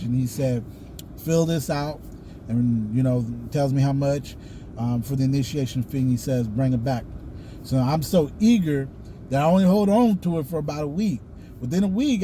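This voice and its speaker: Southern US man with a dark, mellow voice. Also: medium pitch, slight background noise. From the American South. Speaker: video host. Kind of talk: casual storytelling to camera.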